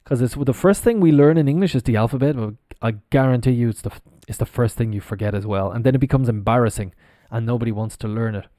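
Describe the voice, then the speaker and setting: A man's voice: medium pitch, fast, few pauses, warm tone, dry recording, clean studio sound. A man teaching English pronunciation on a live stream, spelling words out letter by letter and chatting casually as he goes.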